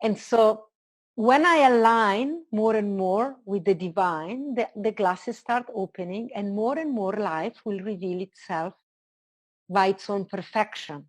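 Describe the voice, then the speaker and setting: A woman's voice: medium pitch, unhurried. A woman with an Italian accent shares spiritual teaching in a conversation. Her voice sits in a middle register. She is earnest and expansive, building each idea phrase by phrase. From Italy. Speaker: spiritual teacher being interviewed.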